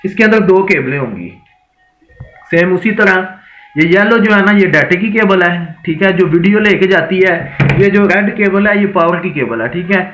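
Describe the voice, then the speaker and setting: A high-voiced man gives a hands-on repair lesson step by step and keeps checking in after each point. The recording is echoey and a bit dull, with faint hiss in the background. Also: a bit bright. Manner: explains step by step, repeats "theek hai" after each point. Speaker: CCTV repair instructor.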